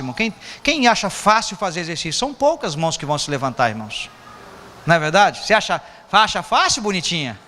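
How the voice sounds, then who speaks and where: Lively high-voiced Brazilian pastor, echoing hall. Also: male voice. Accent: Brazilian Portuguese. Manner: joking, chatty, teasing the congregation. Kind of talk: informal sermon. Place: church hall. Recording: echoey church hall, faint noise.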